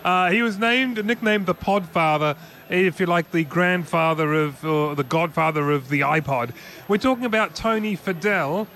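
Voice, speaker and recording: Guy cohosting a tech podcast, higher voice, loose rambly chat with little laughs. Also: moderate pace, fairly bright tone. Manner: chatty, rambling with restarts and laughs. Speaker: podcast co-host. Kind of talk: casual tech news chat.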